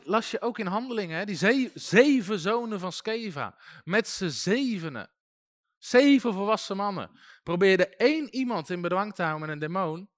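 A man teaching a sermon-style Bible school class, telling stories with lively voices for shouting demons and chuckling often. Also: high voice, dry recording, clean studio sound.

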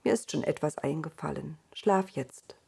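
A woman reading the part of God in a storybook, a stern but tender creator speaking slowly and gently. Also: low-pitched, gravelly, husky, pitched below the performer's own voice, heavily acted.

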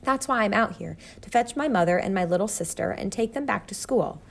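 Woman reading as a proper young girl mouse, bright-eyed and earnest, slight gravel in the voice, storybook figure. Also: mid-range voice, animated, brisk.

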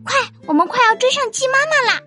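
A woman voicing cheerful young animal friends with excited, childlike calls in a children's story. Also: very high-pitched, brisk, faint music behind, pitched above the performer's own voice, full character voice. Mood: eager.

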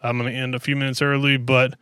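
A man's voice: medium pitch, flat delivery, fast, fairly bright tone, clean tone, dry recording, studio quality. A man hosting a wrestling talk show in a casual, rambling way, worn out and out of breath. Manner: rambling, with many restarts and fillers. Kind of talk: casual chat.

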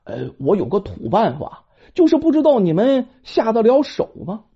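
A woman's voice: mid-range voice, wildly swooping pitch, normal speed, breathy edge, heavily acted. Woman doing a confident village shoemaker. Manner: assured explaining. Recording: dull lo-fi recording.

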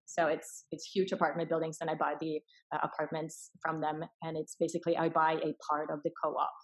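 A Finland-born woman raised in Sweden, a property investor, explains things casually as an interview guest in English, her third language. She acts out quoted dialogue informally. Her deep, monotone voice is fairly quick and slightly rough, and the recording itself is rough.

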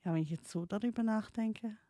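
A streamer in her late thirties, speaking German with a Swiss accent as a non-native speaker, reflects on her past through hesitant personal storytelling full of fillers and restarts. Her mid-range voice is mellow and fairly quick, recorded at studio quality with no echo.

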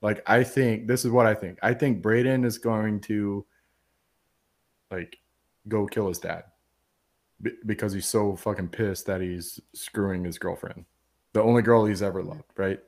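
A man's voice: on the low side, fairly even intonation, measured pace. A man hosting a casual movie podcast, retelling the plot in a loose, profane, rambling way and quoting the characters. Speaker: podcast host.

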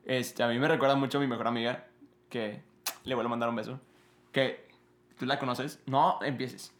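Un hombre joven con acento mexicano, copresentador de una charla informal, que cuenta anécdotas de forma animada e imita voces. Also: male voice, mid-range voice, normal speed, roomy sound. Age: young adult. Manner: animated storyteller, acts out voices and film scenes. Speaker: podcast co-host. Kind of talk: casual chat.

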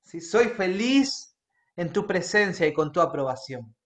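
A man's voice: fairly high pitch, moderate pace, fairly bright tone. A man preaching a sermon as a pastor, earnest and often checking in with his listeners. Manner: earnest, checks in with the congregation by asking "right?" again and again. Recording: echoey room.

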